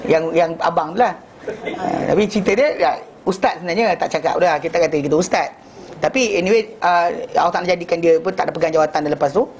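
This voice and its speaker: A man teaching an informal religious class, telling animated stories and acting out dialogue, with many restarts and English phrases mixed in. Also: fairly high pitch, quick pace, creaky, a little hiss or hum.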